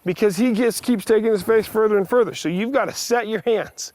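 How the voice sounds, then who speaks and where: A man with a fairly high voice works as a riding instructor. He projects brisk commands to a student, then explains in plain, practical terms. The sound is dry and close, with no room ring. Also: a little mellow, no room sound. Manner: short directives mixed with plain practical explanation.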